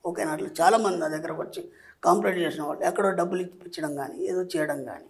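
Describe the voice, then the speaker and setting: A man's voice: high voice, quick pace, gravelly. A man, a spiritual teacher and guest, giving advice in an explanatory way and often stopping to check that the listener understands. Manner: keeps checking understanding with rhetorical questions.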